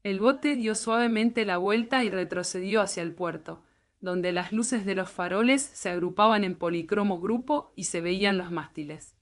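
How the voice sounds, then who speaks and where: A woman narrating a story in a calm, soothing bedtime reading voice. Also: mid-range voice, moderate pace. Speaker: audiobook narrator.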